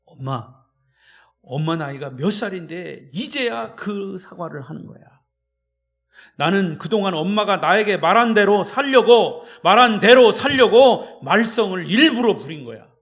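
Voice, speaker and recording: A man's voice: high-pitched, very animated, a little slow, gravelly, fairly bright tone, voice pushed up, exaggerated voice. A male pastor acting out a grown son who confronts his mother in a raised, pleading voice during a sermon story. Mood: tearful reproach. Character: grown son, tearful and defiant.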